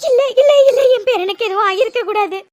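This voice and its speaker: A woman voicing a frightened old grandmother in a cartoon story, wailing in a very high voice. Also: fast, a little mellow, no echo. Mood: anguished. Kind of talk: cartoon voice acting.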